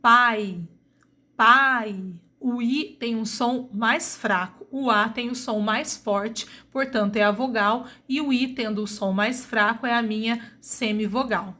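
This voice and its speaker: A female teacher with a Brazilian Portuguese accent gives a recorded grammar lesson, spelling out sounds slowly and deliberately. Her voice is a little high, steady, and fairly bright.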